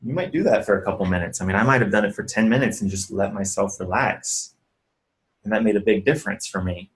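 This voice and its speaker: A man's voice: fairly low pitch, fast talker, poor audio. A man, a physical therapist, giving earnest, conversational advice in a casual vlog and talking the viewer through breathing. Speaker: physical therapist and clinic owner.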